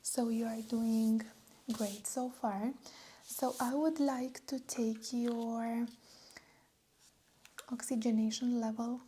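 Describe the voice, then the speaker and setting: A woman whispering a medical exam roleplay in a slow, gentle, reassuring way. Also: a little high, fairly even intonation, a little hiss or hum. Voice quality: soft whispery. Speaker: ASMR roleplay nurse.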